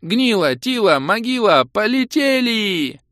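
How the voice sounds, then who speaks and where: A man's voice: fairly high pitch, lively intonation, no room sound, clean studio sound, voice pushed up, lightly acted. A man voicing a tearful bald male elf who sighs and drags out his words. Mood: off-key singing. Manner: sighing, drawn-out, off-key singing.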